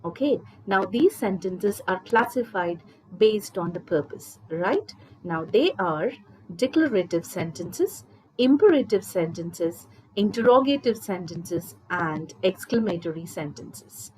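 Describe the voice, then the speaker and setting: A woman's voice: medium pitch, animated, darkish tone, a little hiss or hum, rough recording. A woman teacher, explaining a grammar lesson to her students patiently and step by step. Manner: slow, patient explaining, addresses students directly. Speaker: English teacher. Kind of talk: recorded school lesson.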